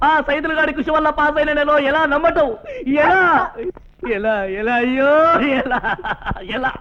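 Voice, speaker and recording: An actor playing a suspicious middle-aged husband who wails theatrically, from an old film. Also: male voice, very high voice, normal speed, background noise. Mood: wailing. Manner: wailing, theatrical. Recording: dull old film soundtrack with music.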